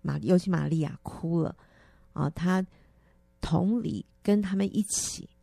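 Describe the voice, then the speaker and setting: Low, gravelly woman reading scripture. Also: unhurried, dry recording. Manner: gentle, earnest, with soft hesitations. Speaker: guest counselor.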